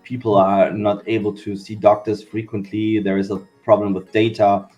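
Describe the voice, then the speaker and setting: A man's voice: on the low side, moderate pace, lo-fi sound, faint music behind. German man explaining his startup. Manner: steady explanatory, repeats "we said okay". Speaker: guest, company founder. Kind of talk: podcast interview.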